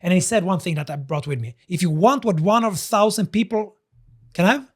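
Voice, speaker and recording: A man's voice: sits high, slightly rough. A man from Sweden with a slight Italian tinge, telling his story as an interview guest and acting out quoted dialogue. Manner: quick, animated, acts out quoted dialogue.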